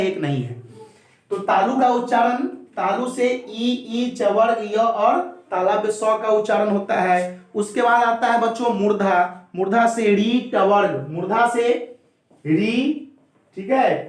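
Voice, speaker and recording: Male teacher, high voice, slow repetitive drilling, addresses students, very echoey room. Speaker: Hindi grammar teacher. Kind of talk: board lesson.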